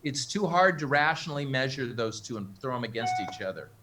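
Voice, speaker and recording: Casual male guest, mid-pitched, stop-start delivery, wry asides. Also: lively intonation, very noisy. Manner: halting, self-interrupting, joking. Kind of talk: casual video call chat.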